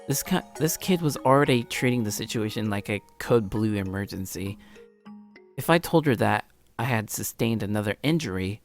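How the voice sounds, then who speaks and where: A man livestreaming a let's play reads the story narration aloud and tosses in casual asides, often stumbling and rereading phrases. Music plays behind him, and the stream audio is low quality.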